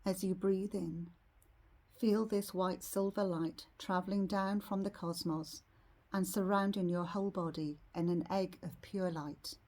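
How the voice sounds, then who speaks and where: A woman leading a guided meditation in a serene, soothing, soft and slightly husky voice. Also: fairly low pitch, fairly even intonation. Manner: serene, unhurried, soothing delivery.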